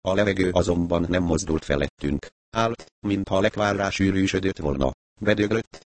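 A man narrating a thriller novel in first person, reading in a steady, measured way. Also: sits low, dry recording. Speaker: audiobook narrator. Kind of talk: scripted narration.

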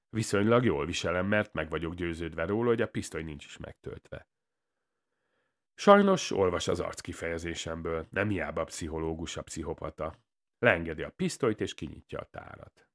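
A man reading a first-person crime story aloud in a dry, matter-of-fact way. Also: low-pitched. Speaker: audiobook narrator. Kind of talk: first-person audiobook narration.

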